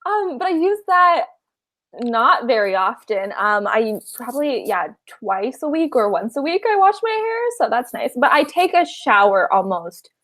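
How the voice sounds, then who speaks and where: A woman's voice: on the high side, big pitch swings, a little slow, a bit bright. A woman in her twenties co-hosting a casual book chat, giggly and rambling, on a video call. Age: 20s. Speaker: co-host of a book liveshow.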